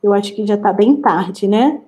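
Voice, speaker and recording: A woman's voice: medium pitch, normal speed, mellow. A woman with a Brazilian Portuguese accent, a guest lecturer giving a live online class over a video call, earnest and explanatory, addressing her students directly.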